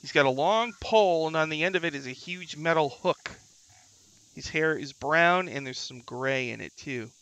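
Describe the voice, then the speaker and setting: Gravelly male game master, bright edge. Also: a little high, moderate pace, poor audio. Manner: descriptive, piecemeal delivery. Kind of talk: improvised tabletop game narration.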